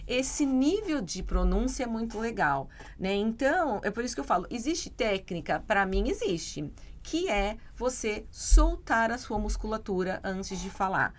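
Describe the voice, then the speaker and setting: A woman's voice: a little high, sing-song, unhurried, hardly any pauses. A Brazilian woman, an English teacher and podcast co-host, chatting casually and explaining with lots of fillers in a Brazilian Portuguese accent.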